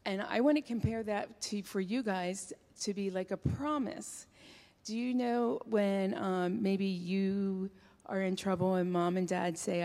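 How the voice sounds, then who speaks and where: Woman giving a children's message in church. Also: mid-range voice. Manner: gentle, chatty and informal with kids, using fillers. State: recovering from illness, voice not fully back. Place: church sanctuary with long reverb. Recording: long church reverb.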